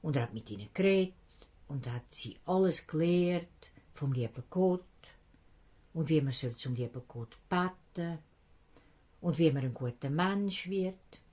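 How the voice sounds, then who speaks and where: A woman's voice: sits low, measured pace. A woman with a Swiss German accent telling a Bible story to children, acting out the characters' voices. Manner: lively, acts out the characters' voices.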